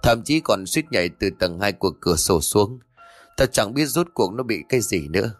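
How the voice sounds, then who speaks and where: A man voicing a tired, gruff older uncle who speaks in a weary, curt way. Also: lowish voice, lively intonation, normal speed, dry recording, faint music behind.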